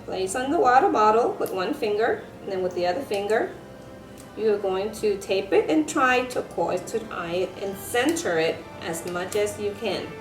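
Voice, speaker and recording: A woman giving a step-by-step craft lesson for children, speaking like a bright kids' presenter and teacher. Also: mid-range voice, expressive, normal speed. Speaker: elementary science teacher presenting a craft tutorial. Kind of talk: step-by-step instructional demonstration for children. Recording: roomy echo with music behind.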